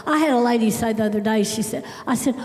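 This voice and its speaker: A middle-aged woman giving a sermon in a church, telling personal stories in an emphatic, animated way. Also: fairly high pitch, fast. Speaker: church speaker. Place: church sanctuary. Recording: echoey church hall with long reverb.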